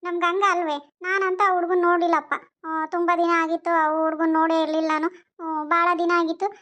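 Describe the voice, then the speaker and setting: A woman's voice: very high-pitched, flat delivery, fast talker, bright, forceful tone. A woman voicing a worried, chatty village woman in a cartoon. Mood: fretting. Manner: fretful, chatty. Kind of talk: cartoon voice acting.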